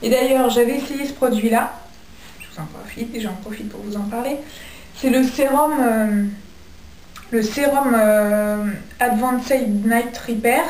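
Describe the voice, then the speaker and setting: A woman's voice: fairly high pitch, a little slow, darkish tone, slight background noise. Chatty young Frenchwoman, echoey room. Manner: chatty, frequent hesitations. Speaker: beauty vlogger. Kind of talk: casual skincare review. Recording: echoey room, mic at a distance.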